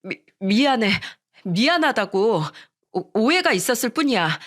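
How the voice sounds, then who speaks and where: A woman's voice: a little high, big pitch swings, a little slow, fairly bright tone. A woman voicing a cheating ex-wife who stammers and defends herself in a radio story. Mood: flustered pleading.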